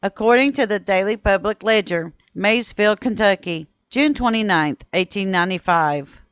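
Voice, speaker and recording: A woman giving scripted documentary narration in a steady, measured reading style, quoting old newspaper sources. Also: mid-range voice, clear, resonant tone, dry recording, dull audio. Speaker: history channel narrator.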